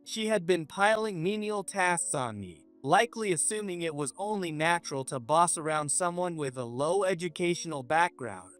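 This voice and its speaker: A man narrating a scripted first-person story in an even, measured way. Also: on the high side, soft background music.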